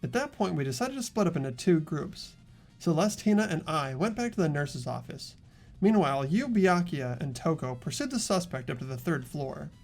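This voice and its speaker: A voice actor in a fan playthrough plays an earnest teenage boy investigator in dramatic video game dialogue, recounting events. His voice is fairly high with lively intonation, a moderate pace and a darkish tone, and faint music plays behind him.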